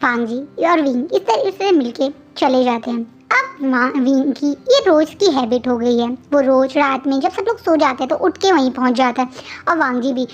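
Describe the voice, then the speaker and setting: A woman casually retelling her own fanfiction, halting and often restarting. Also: high voice, animated. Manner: halting, with many fillers and restarts. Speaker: fanfiction narrator. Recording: dull lo-fi recording.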